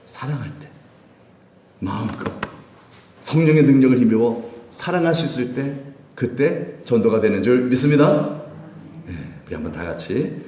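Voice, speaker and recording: A man's voice: medium pitch, reverberant, slight background noise. A male pastor preaching a Sunday sermon, asking the congregation questions and answering them himself. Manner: animated preaching with call-and-response questions to the congregation. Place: church sanctuary.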